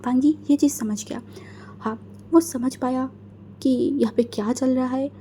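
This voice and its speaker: A woman's voice: high-pitched, fairly even intonation, normal speed, warm tone, a little hiss or hum. A woman narrating a fan-fiction story in a chatty, casual way, mixing in English words.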